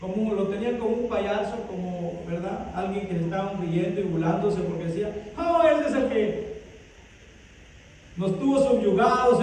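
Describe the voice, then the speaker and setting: A male pastor preaching a sermon with fervor, swinging between loud calls and soft asides. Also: high voice. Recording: echoey hall, distant mic, faint noise.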